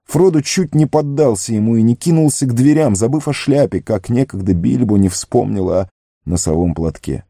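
A man narrating an audiobook in an expressive storytelling manner. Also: mid-range voice, moderate pace, no echo, clean studio sound. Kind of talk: scripted narration.

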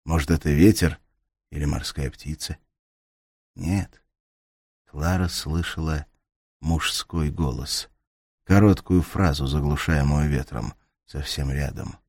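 A man narrating a suspense audiobook in a measured way, slowing down in tense moments. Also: a bass voice, a little mellow, husky, no room sound, clean studio sound. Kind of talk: scripted narration.

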